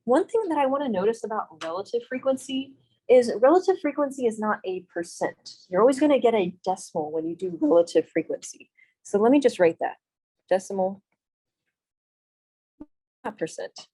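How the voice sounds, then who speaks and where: A woman's voice: mid-range voice, a little mellow, breathy edge, poor audio. Casual young woman teaching a math class. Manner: casual, self-deprecating, asks the class questions. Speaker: math instructor. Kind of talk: classroom lecture.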